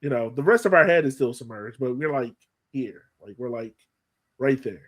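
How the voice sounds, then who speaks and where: With a medium-pitched voice at normal speed, a man with an American accent chats casually as a sports podcast co-host. He comes across as animated and self-deprecating, and he often thinks aloud.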